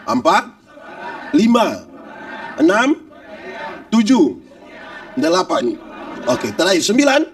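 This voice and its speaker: A pastor preaches to his church in a high, lively voice that leaps up and down. His tone has a gravelly edge, and he is heard from a distance across the room. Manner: lively, humorous preaching with acted quotes. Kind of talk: sermon.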